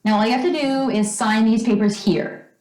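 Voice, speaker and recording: A woman with a fairly high, slightly mellow, near-everyday voice speaks at normal speed, playing a doting, trusting, wealthy mother of a teenage son in an old-time radio drama. She sounds fond, fussing, chatty, earnest and confiding, with a roomy, echoing, stage-like sound.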